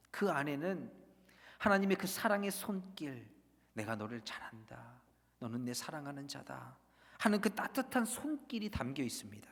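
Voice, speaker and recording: A man preaching a sermon as pastor, swinging from loud urging to hushed, almost whispered passages. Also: medium pitch. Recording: long reverb of a large hall.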